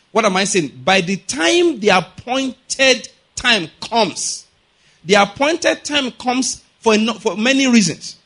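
This middle-aged Nigerian man's voice sits high, with a fairly bright yet husky tone. He delivers a teaching sermon illustrated with everyday examples, laying out each point, repeating it and often pausing to ask rhetorically whether listeners understand.

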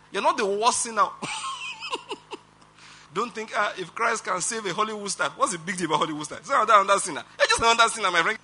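A man with a Nigerian accent preaching a sermon as pastor, animated and emphatic, with rhetorical questions and chuckles. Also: high voice, slightly rough.

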